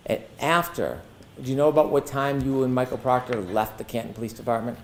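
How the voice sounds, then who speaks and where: A man's voice: mid-range voice, brisk, slight background noise. A man working as an attorney, questioning a witness in court in a formal, methodical and precise way. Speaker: prosecuting attorney.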